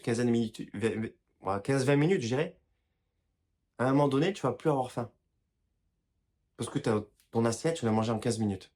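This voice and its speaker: Addressing his audience casually on camera, a health and wellness creator offers advice and often starts his sentences over. He says sorry for his own pronunciation, and his mid-range voice carries a slight mellowness.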